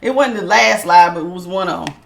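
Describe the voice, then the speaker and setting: Brisk and creaky, her lowish voice carries strongly as she gives viewers a casual tarot reading. She speaks with emphatic authority, repeating phrases for emphasis.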